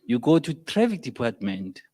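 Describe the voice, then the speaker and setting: A South African man in the audience at a public meeting makes an impassioned comment in English, which isn't his first language, so his phrasing halts at times. His medium-pitched, sing-song voice moves at a moderate pace, rising to loud, emphatic peaks as he presses his points.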